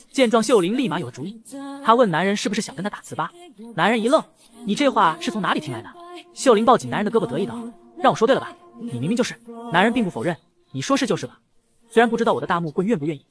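Rapid lively male story narrator. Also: high-pitched. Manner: rapid, lively, voices both lovers in dialogue. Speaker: comic recap narrator. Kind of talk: fast scripted story narration with acted dialogue.

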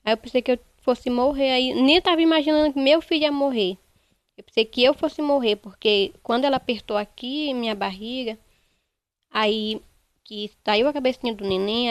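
A woman's voice: high voice, smooth, no echo. Distressed young woman recounting an ordeal. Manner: halting, repetitive retelling, quoting others. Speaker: interviewee, bereaved mother. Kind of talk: emotional first-person account.

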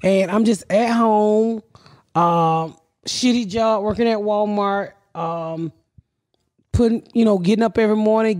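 A woman's voice: fairly low pitch, warm tone, dry recording. Middle-aged woman, profane storyteller, rambling podcast chat, dry close sound. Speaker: podcast host. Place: living room couch, indoors. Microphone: handheld mic with headphones.

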